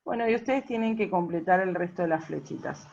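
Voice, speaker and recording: A woman teacher walks students through a worksheet. She talks patiently and keeps checking in with the class. Her voice sits slightly low, and the recording sounds dull and lo-fi. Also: fairly quick, gravelly, darkish tone.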